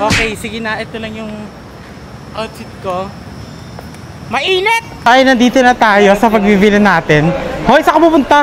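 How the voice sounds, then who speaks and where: A vlogger chatting casually to a handheld phone camera, excitable and joking, out on city streets and in a shop. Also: medium pitch, poor audio. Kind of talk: casual vlog chat. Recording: busy street noise. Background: traffic noise.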